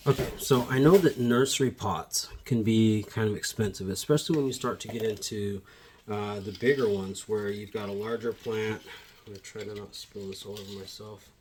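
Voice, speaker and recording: Sniffly from allergies, this man speaks at a fairly low pitch and moderate pace with a darkish tone, and a faint hiss or hum comes through his phone camera mic. He owns a plant shop and films a relaxed how-to vlog at home surrounded by plants, addressing viewers in a friendly way while wandering off track and fixing his words.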